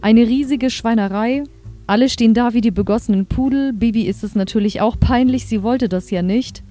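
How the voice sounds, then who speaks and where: Brief: slightly high female host, mellow tone, chatty and keen, faint guitar underneath. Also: moderate pace. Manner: chatty, enthusiastic, reads quotes aloud. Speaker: podcast host reviewing an audio drama. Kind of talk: casual chat.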